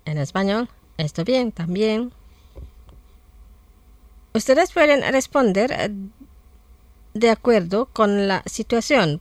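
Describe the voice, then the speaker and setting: Slow, careful woman teaching on radio. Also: on the high side, dry recording. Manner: slow, careful repetition of words. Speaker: language lesson presenter. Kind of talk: scripted radio language lesson.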